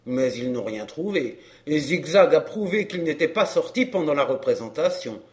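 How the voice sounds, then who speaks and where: A man's voice: fairly high pitch, animated, moderate pace, a little mellow, natural voice. A man voicing a down-and-out middle-aged fairground clown in an audiobook, talking in coarse, grumbling slang. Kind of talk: audiobook character reading.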